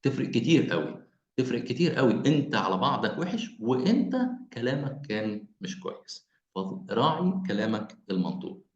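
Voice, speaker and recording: A man with an Egyptian Arabic accent lectures parents over a video call. He talks fast with a lively, swinging pitch and restates his points. The audio is roomy and muffled, like lo-fi call audio. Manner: animated, explaining with repeated phrases. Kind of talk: online lecture.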